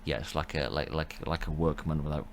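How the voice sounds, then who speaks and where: A man's voice: very deep voice, steady tone, moderate pace, gravelly, slight background noise. A British man giving a casual, rambling let's play commentary in a wry manner, often interrupting himself. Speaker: gamer commentating.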